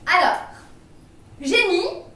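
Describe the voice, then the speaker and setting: Woman playing a high, flustered, very echoey lady. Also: big pitch swings, very slow, bright, forceful tone, heavily acted. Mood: flustered, fond. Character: flustered, fond woman granted wishes by a genie. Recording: very echoey, far from mic.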